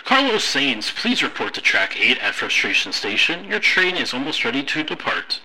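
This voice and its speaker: A woman podcast co-host putting on a formal male public address announcement, as if over a station loudspeaker. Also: a bass voice, very animated, moderate pace, husky, voice pushed down, full character voice, rough recording. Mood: announcing.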